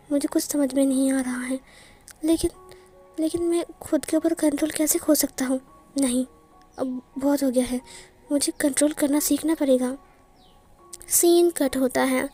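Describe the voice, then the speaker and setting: A woman narrating a romance fan story and reading every character's lines herself in a plain, even way. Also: high-pitched. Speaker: fanfiction narrator. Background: soft background music.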